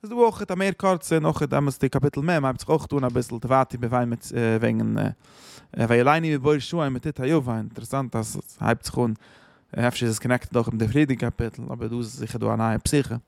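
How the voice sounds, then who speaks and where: A man's voice: medium pitch, brisk, vocal fry, dry recording. A man explaining a psalm chapter, quoting verses and translating them with many restarts. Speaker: Torah teacher.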